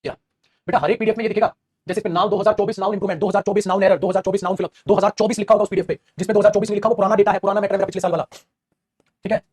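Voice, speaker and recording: A man teaching an English grammar class in rapid Hindi mixed with English, calling his students "beta" as he corrects their answers. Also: high-pitched, fairly even intonation, a little mellow, husky. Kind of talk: online coaching lesson.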